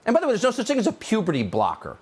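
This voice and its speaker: Man, news host, sardonic monologue, voice leaping up and down, slightly raised pitch. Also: huge pitch swings, racing, husky. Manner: sardonic, mocking, swings pitch widely. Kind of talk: opinion monologue.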